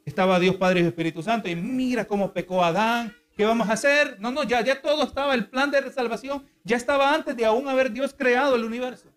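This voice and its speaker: A man preaching a sermon in a teaching tone, asking the congregation rhetorical questions. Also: sits high.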